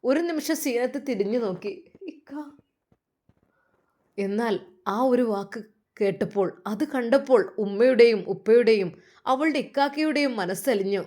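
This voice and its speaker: A woman's voice: fairly high pitch, moderate pace, mellow. Storyteller, woman, Malabar Malayalam accent, dramatic tearful narration. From Kerala.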